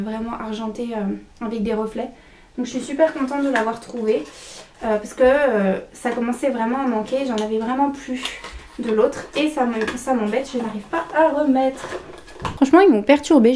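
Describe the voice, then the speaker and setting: Young woman gushing about a shopping haul, highish voice, roomy echo. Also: mellow, a little hiss or hum. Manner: chatty, enthusiastic, many fillers and restarts. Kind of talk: casual haul video talk. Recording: echoey room.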